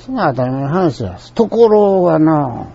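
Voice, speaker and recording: A man's voice: on the high side, very animated, normal speed, creaky, warm tone, breathy edge. An older man with a Kansai accent telling a rambling personal anecdote in a chatty, colloquial, digressive way. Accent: Kansai Japanese. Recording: dull lo-fi recording.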